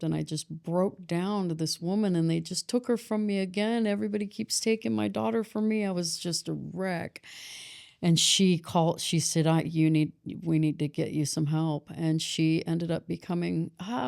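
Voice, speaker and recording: A middle-aged woman, a podcast guest and author, telling a painful personal story in a halting way, often restarting and getting emotional. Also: deep voice, vocal fry, dark tone.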